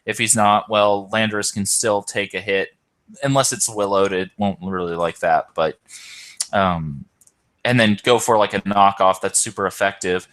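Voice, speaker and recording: A man's voice: lowish voice, fairly even intonation, moderate pace, fairly bright tone. A tired man hosting and commentating an online game tournament, hesitant, with many ums and self-corrections. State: tired, yawning.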